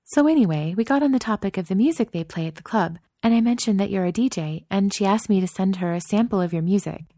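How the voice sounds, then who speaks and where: A woman voicing a bubbly, excitable young woman in a romance audiobook, gushing and eager. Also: mid-range voice, no room sound, studio quality, pitched above the performer's own voice, close to an everyday voice. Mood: excited. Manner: eager, gushing, rushing her words. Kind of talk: audiobook character voice.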